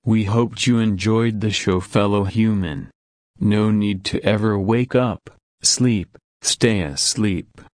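A man voicing a male AI overlord who hosts the show, speaking in a deadpan way that keeps breaking off to announce errors. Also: lowish voice, slow pace, dry recording, studio quality. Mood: deadpan menace. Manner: deadpan, glitching with repeated error reports. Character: AI overlord posing as a friendly male machine. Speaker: show host.

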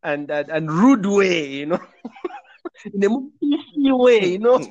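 High-voiced teasing man, casual chat. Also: very animated, unhurried, a little mellow, no echo, muffled recording. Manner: teasing, laughs often. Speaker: podcast co-host.

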